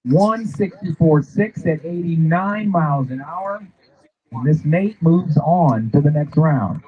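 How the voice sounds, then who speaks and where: A man calls a live drag race over a dull, lo-fi stream, his voice sitting a little high for a man. He rattles off names, times and speeds like a track announcer. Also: lively intonation, slow pace.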